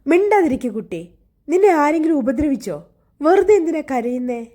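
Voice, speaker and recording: A headstrong young girl , acted by a woman reader, speaks in a high, lifted voice that pleads one moment and scolds the next. The tone is mellow and soft-edged. She is a spirited storybook heroine. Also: big pitch swings, normal speed. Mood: scolding. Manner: pleading, then sharply scolding.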